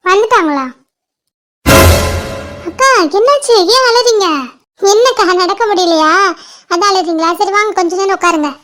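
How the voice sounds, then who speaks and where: A woman's voice: very high voice, fairly bright tone, soft background music. A woman doing a worried, soothing young girl. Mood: anxious soothing. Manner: soothing, hurried reassurance. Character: anxious caring younger girl, comforting her sister. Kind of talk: cartoon voice acting.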